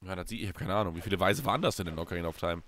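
Rapid-fire and casual, a young German let's play host talks through his gameplay with a voice still hoarse from a cold, alternating loud bursts with low mutters. A little hiss or hum sits under the audio.

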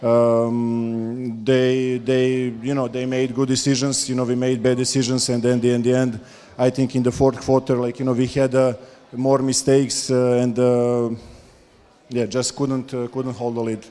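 A man's voice: medium pitch, monotone, measured pace, dark tone. A visiting basketball coach, a man, answering postgame questions on stage, with many fillers and restarts. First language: Serbian. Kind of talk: postgame press talk. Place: stage in a large dark hall. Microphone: handheld mic. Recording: long hall reverb.

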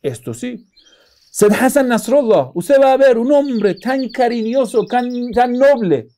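A man's voice: very high voice, lively intonation, takes it slowly, mellow. A man giving a religious lecture, preaching emphatically and rising sharply on key words, with Arabic verses recited in a chanting tone.

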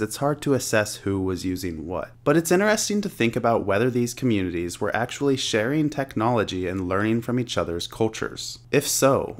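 Man narrating a science documentary, low-pitched. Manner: measured, explanatory delivery. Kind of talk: scripted narration. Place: voice-over.

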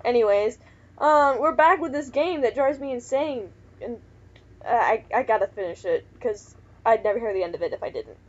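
A woman's voice: a little high, animated, normal speed, lo-fi sound. A young woman hosting a let's play, chatting casually and exclaiming in alarm at the game. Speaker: let's play host, player. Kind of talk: casual gaming commentary.

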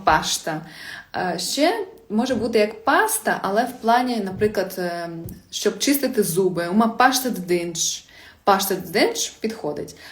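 A woman teaching a casual live-stream language lesson, chatty and laughing often as she reads out viewer comments. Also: medium pitch. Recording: roomy echoey room.

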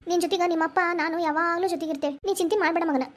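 Woman voicing a kind reassuring cartoon mom, north karnataka kannada accent, high voice. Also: fairly even intonation, very fast. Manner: gentle, reassuring. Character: kind middle-aged mother, reassuring.

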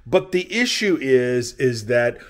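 A man's voice: mid-range voice, big pitch swings, slow pace. An older man narrating a boat repair how-to in a plainspoken, matter-of-fact way in an indoor workshop, filming himself up close. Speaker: boat restoration vlogger.

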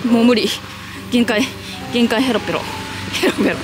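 A woman with a Kansai accent talks in a fairly high voice, chatty and jokey as she hunts bugs outdoors. She gets excitable and lets out frightened shrieks. Background music plays under the outdoor recording. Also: normal speed. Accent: Kansai Japanese. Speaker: vlogger. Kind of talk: casual outdoor bug-hunting vlog.

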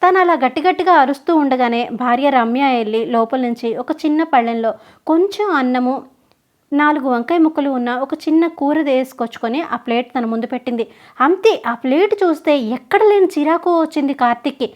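A woman's voice: high voice, brisk. A woman narrating a family story and speaking to listeners as friends.

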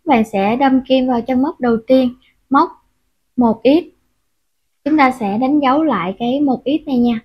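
A woman with a breathy, somewhat high voice guides viewers through a crochet project one stitch at a time. She counts stitches aloud and pauses on filler sounds while she works. The recording sounds muffled and lo-fi. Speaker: crochet instructor. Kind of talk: step-by-step crochet tutorial. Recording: dull, muffled lo-fi audio.

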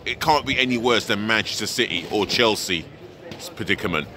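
A middle-aged man vlogs outside a stadium, holding the camera at arm's length. His voice sits low but has a bright, forceful edge as he vents his frustrations as a fan. Faint urban noise is heard behind him. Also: fairly quick. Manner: frank, exasperated fan venting about his team. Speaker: football fan vlogger, host. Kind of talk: pre-match vlog to camera. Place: outdoors by a large stadium, city plaza. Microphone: handheld camera at arm's length.

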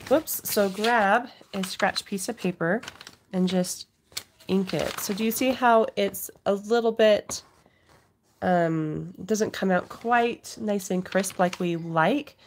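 A woman's voice: mid-range voice, slow pace, slight background noise. A middle-aged woman with a cold, giving a casual craft demonstration to viewers as the host at home. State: has a cold, occasional cough. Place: indoors at a home craft table.

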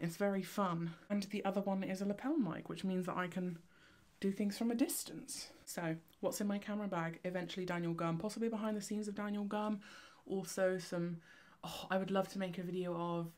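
A young woman from Cornwall with a Cornish accent, chatting to camera in a fast, chaotic, excitable vlog ramble. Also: mid-range voice. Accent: Cornish English. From Cornwall, England. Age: young adult. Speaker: vlogger, photography student. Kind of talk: casual vlog chat to camera. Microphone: camera on tripod.

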